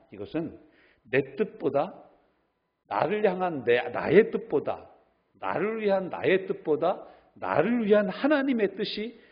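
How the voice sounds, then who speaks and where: A man's voice: on the high side, slightly rough. A male pastor preaching a sermon and putting questions to his congregation. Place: church sanctuary. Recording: dull lo-fi church recording.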